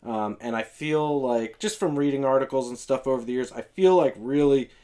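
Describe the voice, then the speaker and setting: Mid pitched guy, big music fan, kinda hesitant, lots of ums. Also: moderate pace, warm tone. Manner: thoughtful, hesitant, with ums and restarts. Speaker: guest, longtime fan. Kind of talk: casual chat about records.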